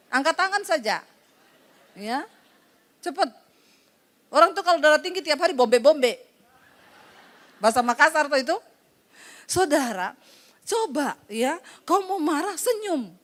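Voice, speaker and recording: A woman pastor preaching at a church service, telling animated stories, acting out the people in them and laughing often. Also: high voice. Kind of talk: sermon.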